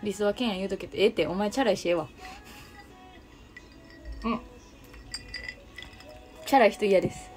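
A woman's voice: medium pitch, normal speed, pauses often, a little mellow, faint music behind. A young woman with a Kansai Japanese accent hosting a casual livestream, chatting and answering viewer comments. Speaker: livestream host.

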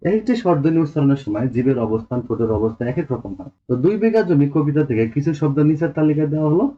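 A male teacher with a Bangladeshi accent walks students through a textbook lesson at a quick clip. He explains step by step and keeps prompting them to look. The recording is dull and lo-fi. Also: on the high side, animated. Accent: Bangladeshi Bengali.

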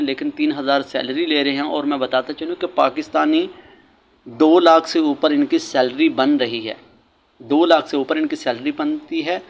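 A man's voice: mid-range voice, a bit bright, slight background noise. A man from Pakistan giving casual, earnest vlog commentary at an outdoor construction site, repeating his key points as he gives advice. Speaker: vlogger.

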